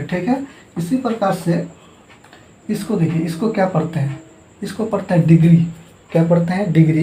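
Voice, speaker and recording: A man's voice: on the high side, dark tone. A man teaching a math lesson, repeating each term and asking the class to say it back. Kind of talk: classroom lesson with call-and-response drilling. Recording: echoey room.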